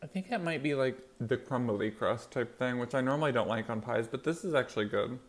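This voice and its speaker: Quick and expressive, a mid-range male voice carries this mukbang as the host eats and talks at once. He rambles casually to his viewers, jumping from one loose thought to the next.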